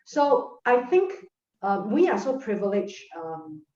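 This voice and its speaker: A woman's voice: fairly high pitch, very animated, slow, warm tone. A woman hosts an interview over a video call, speaking earnestly in long, encouraging stretches. Her voice is heard from a distance in a roomy space, and the audio is dull. The whole thing sounds like lo-fi call audio. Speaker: host.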